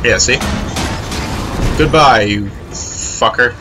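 A man's voice: medium pitch, takes it slowly, background noise. A man giving casual, chatty commentary while playing a video game, swearing freely and talking to the game character. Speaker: let's play host.

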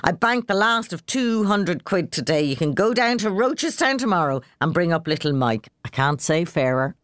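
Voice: medium pitch, big pitch swings, normal speed, a bit bright, no room sound, clean studio sound, pitched above the performer's own voice. A reader voicing a cheerful, drunk young Irishman who talks in a loose, rambling way. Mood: drunk jovial.

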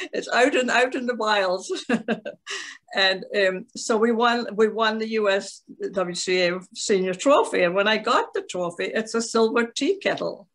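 An older woman from Scotland, telling stories in a halting, rambling way on a video call from her tablet at home. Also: fairly high pitch, animated. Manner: rambling, halting, with frequent restarts and soft laughs. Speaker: interviewee, veteran curler. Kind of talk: casual video call interview.

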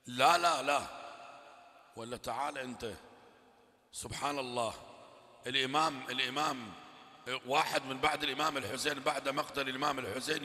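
A male preacher with an Iraqi accent delivering a mourning sermon, telling stories dramatically and swinging between shouts and hushed lines, in a prayer hall. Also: medium pitch. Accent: Iraqi Arabic. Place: husayniya hall. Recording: long reverb in a large hall.

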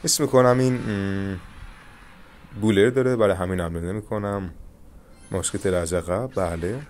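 A young man with a fairly low voice talks viewers through a mobile card battle game, calm and instructive as he explains each play. A faint hiss of noise sits under the recording. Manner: coaching viewers, calm reassurance. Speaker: gaming channel host. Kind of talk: live gameplay commentary with tips.

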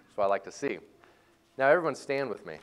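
A man leading a church music lesson for a class, joking and playful as he explains reading music and warming up voices. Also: mid-range voice, animated, fast. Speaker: music teacher. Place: church hall.

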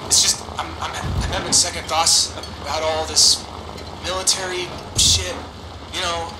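A man's voice: on the high side, flat delivery, unhurried, roomy sound, background noise. A man voicing a chatty, eager young army recruit who rambles, stammers and giggles as he talks over a CB radio. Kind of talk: video game voice acting.

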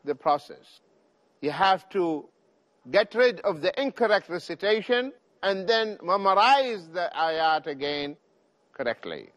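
A middle-aged man giving a televised religious lecture, exhorting his listeners in deliberate short phrases. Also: on the high side, a bit bright. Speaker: Islamic preacher.

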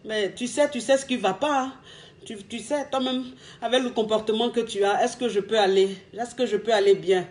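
A woman acting out a sad, worn-down woman who answers her partner quietly and reproachfully. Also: fairly high pitch, moderate pace, lightly acted. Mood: mournful.

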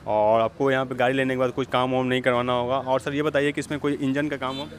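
Against slight background noise, a young man speaks fast with a medium pitch and flat delivery. As host of an upbeat vlog walking through an outdoor used-vehicle lot, he repeats the seller's answers into a handheld lapel-style mic.

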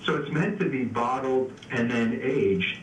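A man's voice: medium pitch, measured pace. Male radio contributor, easygoing and chatty with lots of restarts, sounding distant and echoey. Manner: easygoing, explains with frequent "uh" and restarts. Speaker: beer news contributor. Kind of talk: casual radio chat. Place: remote call into a radio show. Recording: echoey, distant, faint background noise.

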